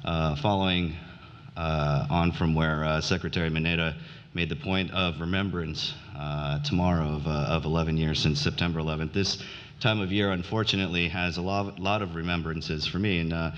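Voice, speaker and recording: A middle-aged man giving a conference speech, halting with many fillers and restarts. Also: sits low, steady tone, a bit bright. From United States (grew up in New Orleans). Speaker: conference speaker. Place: conference hall. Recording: dull reverberant hall.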